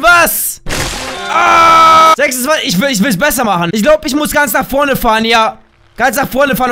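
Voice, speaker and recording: A young man from Germany doing loud, excitable let's play commentary, often shouting and throwing in English slang. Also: very high voice. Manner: mixes English slang into his talk. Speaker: gaming YouTuber.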